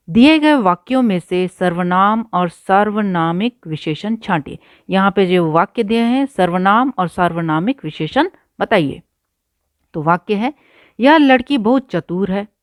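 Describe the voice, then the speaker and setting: A woman's voice: mid-range voice, no echo, clean studio sound. A woman teaching a textbook lesson, going word by word and repeating terms patiently for her pupils. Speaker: Hindi teacher.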